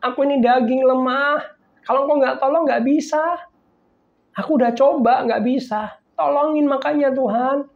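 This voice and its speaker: A male preacher voicing a desperate young woman begging God for help, in a much higher voice. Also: steady tone, moderate pace, gravelly, phone-quality sound. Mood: pleading.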